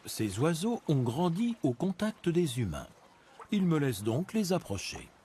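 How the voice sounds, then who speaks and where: A man narrating a nature documentary from a script, in a measured, expository storytelling manner with dramatic emphasis. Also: a little high, very animated, dark tone, slight background noise. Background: music bed behind the voice.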